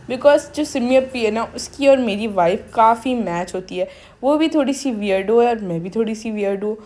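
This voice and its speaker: A woman's voice: mid-range voice, darkish tone. A young woman narrating her family wedding vlog in a chatty, casual voice-over, talking straight to her viewers. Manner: chatty, addresses viewers as guys. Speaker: vlogger.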